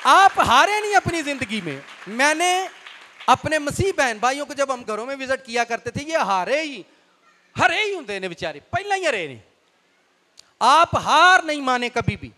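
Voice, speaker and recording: A pastor with a Punjabi accent preaching a lively sermon, dropping into folksy Punjabi asides. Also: male voice, very high-pitched. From Pakistan.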